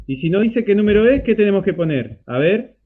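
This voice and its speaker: A man's voice: sits high, lively intonation, a little fast, noisy background. A man with an Argentine accent teaching a math class online, explaining step by step and checking in often with a rising "¿sí?". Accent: Argentine Spanish. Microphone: computer mic on a video call. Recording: tinny phone-like video call audio.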